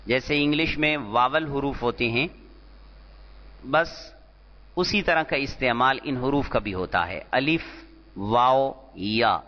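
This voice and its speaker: A man teaching Arabic grammar terms in a recorded lecture, explaining slowly and repeating each term, sometimes chanting scripture. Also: mid-range voice. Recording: dull lo-fi audio in a reverberant hall.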